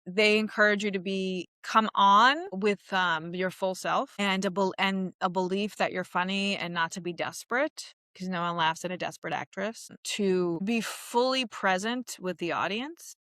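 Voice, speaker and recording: A woman comedian from Queens, chatting as a podcast guest in a lively way, often laughing and acting out voices. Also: mid-range voice, moderate pace, hardly any pauses, clear, resonant tone, no room sound. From Queens, New York. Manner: animated, laughing, acts out quoted voices. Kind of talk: casual interview chat.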